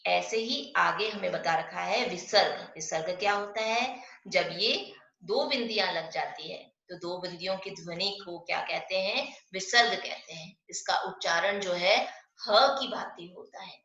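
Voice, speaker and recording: A woman teaching an online Hindi class to young pupils. She explains step by step, asks questions and answers them herself, and slows down to stress the sounds of example words. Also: fairly low pitch, vocal fry, pushed and bright. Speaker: primary school Hindi teacher. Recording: echoey, dull lo-fi room sound.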